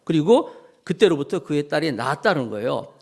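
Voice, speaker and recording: Animated preaching pastor, man. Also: fairly high pitch, brisk, creaky. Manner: animated, acts out scripture scenes; leads congregation in call-and-response. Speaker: senior pastor. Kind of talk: sermon.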